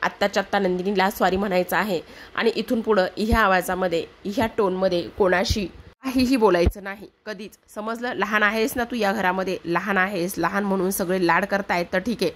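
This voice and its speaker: A woman's voice: mid-range voice, fairly even intonation, brisk, close to an everyday voice. A woman reading out the lines of a stern, protective elder brother who scolds and gives orders, in a TV serial recap.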